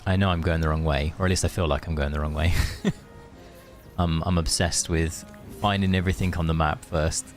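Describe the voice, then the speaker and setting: With music running underneath, a male streamer talks casually to viewers as he plays, wandering off into friendly asides. The voice is low and steady in tone, delivered a little fast.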